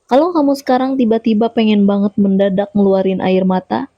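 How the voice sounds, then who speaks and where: A woman with a medium-pitched voice and fairly even intonation speaks a little fast in a motivational talk to her viewers, repeating key points and asking them questions. She records direct to camera as a YouTuber, with no room sound and a muffled quality.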